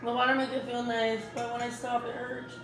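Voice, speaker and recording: A woman's voice: on the high side, little pitch movement, brisk, loud music behind the voice. A young woman chatting casually and exclaiming dramatically as she struggles with her mouth burning from spicy food. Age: young adult. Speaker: challenge participant. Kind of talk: casual chat during an eating challenge. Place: indoor room at a table. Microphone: camera on table, about a meter away. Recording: echoey room, noisy with clinking dishes.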